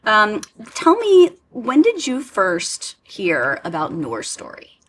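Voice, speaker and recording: A woman's voice: mid-range voice, wildly swooping pitch, takes it slowly, a bit bright, slight background noise. A woman podcast host asking encouraging questions in an interview.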